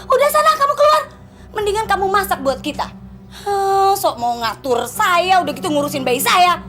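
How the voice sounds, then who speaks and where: An actress playing a jealous young mother who shouts at her maid in a tearful, scolding voice. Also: very high voice, lively intonation, normal speed, soft background music. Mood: angry scolding. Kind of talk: TV soap drama.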